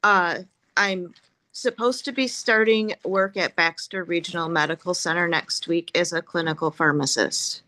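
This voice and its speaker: A woman's voice: fairly low pitch, fairly even intonation, normal speed, sharp tone. A woman in her forties from Michigan, introducing herself as a pharmacist on a video call in a chatty way. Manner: chatty, laughs easily. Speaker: pharmacist applicant.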